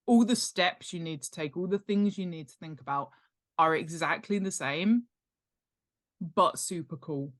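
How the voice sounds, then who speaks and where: A middle-aged woman with a lowish voice takes her time explaining things as a guest author and world-building expert. The interview is informal, and her delivery is animated and emphatic, punctuated by "right?" and "okay?" to check on the listener.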